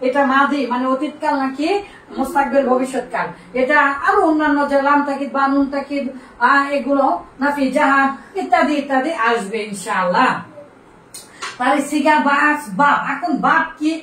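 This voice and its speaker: A woman's voice: high-pitched, steady tone, normal speed, a bit bright. A woman teaching an Arabic grammar lesson, quizzing her students and repeating the key terms. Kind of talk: classroom lesson. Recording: echoey room, distant mic, faint noise.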